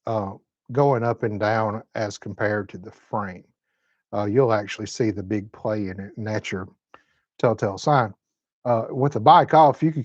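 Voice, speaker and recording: A fifty-year-old man hosting a live stream from home, chatting in an easygoing, folksy Southern manner. His voice sits at a middle pitch. The audio is dry with a slightly muffled, dull top end. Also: dry recording. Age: 50s. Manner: folksy, laid-back Southern talk. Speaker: host. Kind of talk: live-stream chat reading comments.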